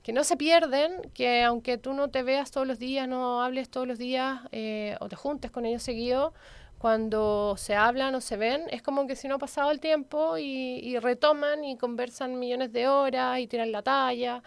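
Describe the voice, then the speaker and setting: Woman in her 40s w a chilean accent, telling stories, kinda high voice, dry close mic. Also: steady tone, moderate pace, smooth, no echo. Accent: Chilean Spanish. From Venezuela. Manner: warm storytelling, chatty. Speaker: guest, local councilwoman. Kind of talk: casual interview chat.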